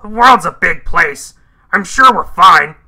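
A man voicing a brash, bossy crocodile detective boss from a cartoon game, with a gruff, gravelly, forceful delivery. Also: high voice, lively intonation, a little slow, heavily acted. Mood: explaining. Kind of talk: cartoon video game character voice reel.

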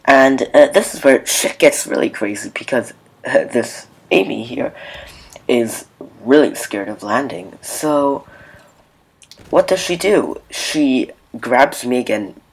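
A man's voice: mid-range voice, expressive, slow pace. A young man recounting a story in a loose, irritated vlog manner. He swears constantly and leans heavily on "like" and "you know" as fillers, keeping everything casual and unscripted. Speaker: vlogger.

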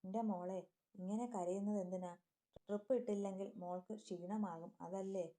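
A woman doing a coaxing, gentle mother-in-law. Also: medium pitch, steady tone, moderate pace, natural voice. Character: soothing caring middle-aged mother-in-law.

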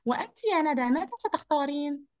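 A woman's voice: high-pitched, fast. Woman voicing Oudi, a cheerful rabbit. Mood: playful. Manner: lively, upbeat, speaks to children. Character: cheerful energetic male rabbit storyteller. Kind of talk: children's online lesson role-play.

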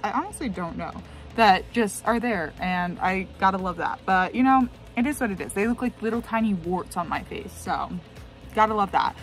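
A young woman in her twenties chatting casually to the camera from inside her RV, rambling with lots of fillers. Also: mid-range voice. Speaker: vlogger. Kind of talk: casual vlog chat.

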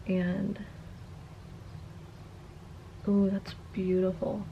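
A young woman chats casually to camera with a slight lisp, her s turning slushy. Her pitch sits in an ordinary middle range, and some noise hangs behind the voice. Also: monotone, very slow, lo-fi sound. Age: 20s. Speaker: content creator. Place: carpeted attic-style room indoors.

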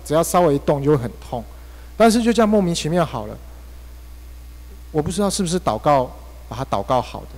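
A Taiwanese-accented male pastor preaches through a personal story, his delivery swinging between hushed and emphatic. His voice sits a little high for a man. The church hall adds a long, lingering reverb. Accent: Taiwanese Mandarin. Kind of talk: sermon.

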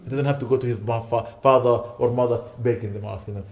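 A man's voice: medium pitch, fairly even intonation, fast, a little mellow, slight background noise. A man delivering a sermon as a sheikh, urging his listeners with repeated rhetorical questions. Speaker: sheikh giving a lecture. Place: lecture hall.

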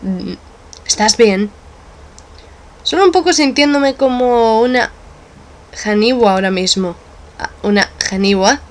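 A woman reading a game's dialogue aloud, voicing each character in turn with playful shifts in pitch. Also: measured pace, long pauses. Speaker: let's play narrator voicing game characters. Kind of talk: dubbing game dialogue aloud.

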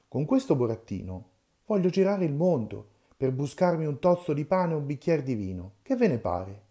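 A man reading the part of a lively, touchy old carpenter who is quick to shout when offended, in a storybook reading. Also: on the high side, voice pushed up. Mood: friendly.

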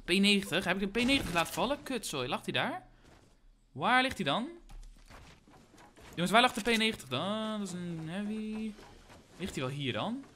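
A young man, live-streaming a game, excitable and slangy, shouting when hyped. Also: high-pitched, moderate pace, long pauses, a little hiss or hum. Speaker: gaming streamer.

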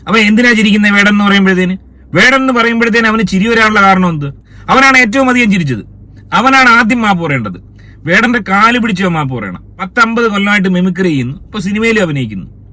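A man's voice: high-pitched, pushed and bright. A man hosting a commentary video, scolding and indignant, firing rhetorical questions in a heated opinion rant. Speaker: commentary channel host.

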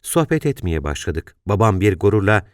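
A man reading an audiobook in a calm, measured storytelling voice. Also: low voice, no echo, clean studio sound. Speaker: audiobook narrator. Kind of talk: scripted audiobook narration.

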